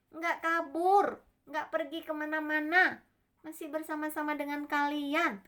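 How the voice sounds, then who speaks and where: A woman voicing Jesus as a calm, loving man who hushes a storm and gently chides his disciples. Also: high voice, pitched above the performer's own voice, full character voice. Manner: soothing, hushing, gently reproachful.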